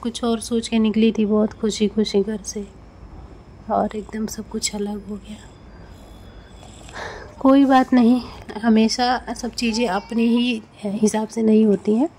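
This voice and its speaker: A woman's voice: on the high side, level tone, takes it slowly, long pauses, warm tone, slight background noise. A woman, vlogging a train journey in an emotional, repetitive way. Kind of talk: casual travel vlog narration.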